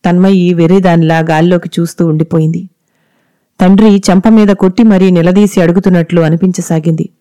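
Low, mellow woman reading a story. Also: fairly even intonation, fairly quick, no echo. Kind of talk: scripted story narration.

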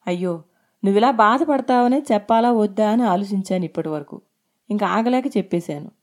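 A woman's voice: mid-range voice, animated, fairly quick, lightly acted. A woman voicing a hurt young wife, tearful and grieving. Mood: sorrowful.

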